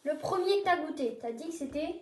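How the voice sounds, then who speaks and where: A woman's voice: sits high, animated, a little fast. A woman chatting casually as she presents a homemade snack taste test.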